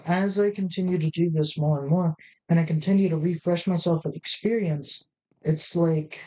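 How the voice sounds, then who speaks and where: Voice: mid-range voice, darkish tone, poor audio. A gaming channel host giving casual gameplay commentary, rambling and correcting himself as he thinks aloud at a desk mic.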